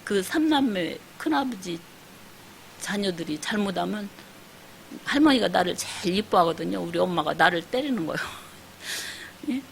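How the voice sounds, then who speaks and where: A woman's voice: medium pitch, lively intonation, normal speed, gravelly, low-quality recording. A woman in her sixties, a pastor's wife giving an emotional church testimony, telling her story earnestly with many fillers and acting out the voices of others. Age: 60s. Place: church service. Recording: faint hiss.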